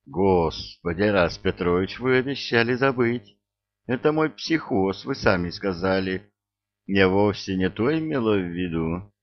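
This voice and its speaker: A man's voice: deep voice, animated, measured pace, lo-fi sound. A man reading the part of a frightened young woman who pleads in fear. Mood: fearful pleading. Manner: pleading, fearful.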